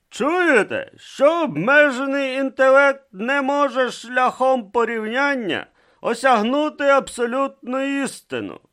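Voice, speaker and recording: A man's voice: very high-pitched, fairly bright tone, voice pushed up, heavily acted. A man doing a furious bony old philosopher. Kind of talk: audiobook narration.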